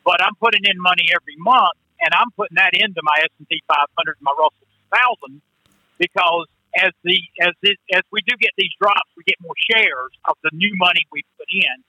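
A man calling in to a radio show over buzzy, glitchy phone audio that cuts out, talking in halting stops and restarts. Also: high-pitched, sharp tone, dry recording, low-quality recording. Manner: halting, restarts and trails through filler words. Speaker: caller. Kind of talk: call-in radio chat.

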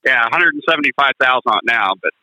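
A man calling in on a crackly phone line that cuts in and out, talking in a hesitant, halting way with many fillers. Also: mid-range voice, pushed and bright, no room sound. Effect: crackly phone line cutting in and out. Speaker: caller. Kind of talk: call-in radio question.

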